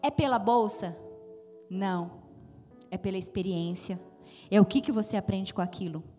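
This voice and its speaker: A woman's voice: mid-range voice, moderate pace, dark tone, soft background music. A middle-aged woman from Brazil, speaking as a guest at a women's church event, telling a personal story and acting out the dialogue. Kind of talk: storytelling sermon talk.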